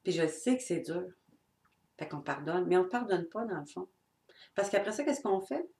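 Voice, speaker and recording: A woman's voice: lowish voice, expressive, moderate pace, vocal fry, darkish tone. A middle-aged woman with a Québécois accent giving an unscripted, blunt and earnest talk on personal growth to her viewers. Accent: Québécois French. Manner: blunt and earnest, with swearing and mimicked voices. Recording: echoey room.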